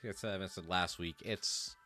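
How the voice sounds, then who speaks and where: A man running a tabletop game as game master, talking casually and haltingly with many fillers. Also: deep voice, steady tone, pushed and bright, dry recording.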